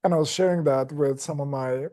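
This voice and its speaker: A man speaking as a guest on a podcast, casual and measured, often restarting his sentences. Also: a little high, fairly even intonation, warm tone. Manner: measured and slow, with frequent restarts and "like" fillers. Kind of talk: casual chat.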